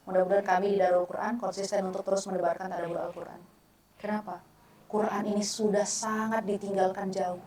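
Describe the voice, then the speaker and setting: A woman's voice: mid-range voice, slight background noise. Indonesian woman preaching in an echoey hall. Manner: lively, mixes casual asides and acted-out dialogue. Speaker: religious teacher. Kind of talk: women's religious study talk. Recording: echoey hall, mic at a distance.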